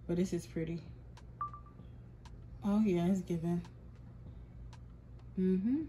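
Her voice is on the low side, dark and fairly even, delivered at a slow pace with a little hiss or hum. A young adult wig maker and vlogger, she talks casually to her phone held close at arm's length, repeatedly addressing viewers as "y'all" as she goes from her home wig studio to the gym, home, and a mall at night.

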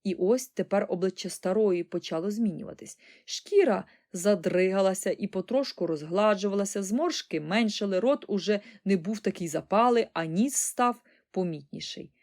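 Female audiobook narrator, calm and expressive, steady storybook delivery. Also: medium pitch, normal speed, few pauses. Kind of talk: scripted narration.

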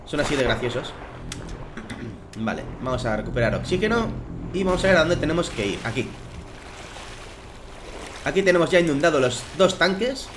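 A young man with a Spain Spanish accent, slightly hoarse from just waking, giving excitable let's play commentary full of swearing and laughter. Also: fairly high pitch, normal speed, pauses often, noisy background. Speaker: gaming commentator. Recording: game music behind.

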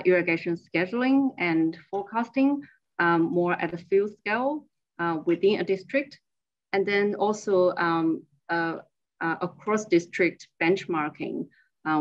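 A woman's voice: on the low side, dull audio. A woman research associate giving a slide presentation over a remote screen-share call, explaining her work step by step.

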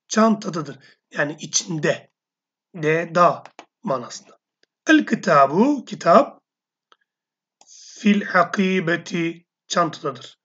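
A woman teaching a language lesson. She reads each word slowly, then repeats it or gives its meaning. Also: fairly low pitch, slightly rough. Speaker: Arabic teacher. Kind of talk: recorded language lesson reading vocabulary. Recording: dull lo-fi sound.

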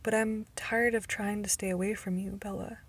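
A woman reading a quiet, teasing teenage boy. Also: mid-range voice, flat delivery, normal speed, breathy edge, lightly acted.

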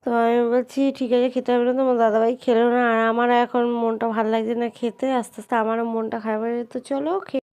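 A young woman with a hoarse voice from a cold, narrating her day casually for viewers in a soft, subdued way. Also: fairly high pitch, level tone, quick pace, few pauses. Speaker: vlogger.

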